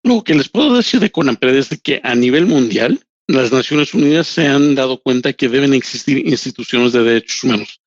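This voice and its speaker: Speaking Spanish as a second language, this male human rights lawyer and professor responds to interview questions at a slow, careful pace, frequently starting over. His medium-pitched delivery is animated, captured on a dry, lo-fi recording.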